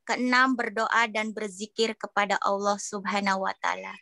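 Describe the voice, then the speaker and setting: A woman reading out a numbered list of points in a steady, plain way. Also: mid-range voice, moderate pace, gravelly, no echo. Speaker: reader.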